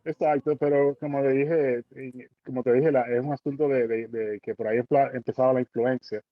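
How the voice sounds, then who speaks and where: Halting Dominican man, dry dull sound. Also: mid-range voice, steady tone, dry recording. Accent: Dominican Spanish. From Dominican Republic. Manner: halting, many fillers and tag questions. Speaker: guest speaker. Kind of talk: online panel talk.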